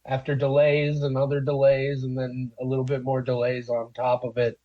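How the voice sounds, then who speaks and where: A man's voice: mid-range voice, monotone, normal speed. A man hosting a casual group chat podcast, joking around, his voice muffled as if heard over an old telephone. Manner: joking, playful. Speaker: podcast host. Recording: muffled tin-can phone-like audio.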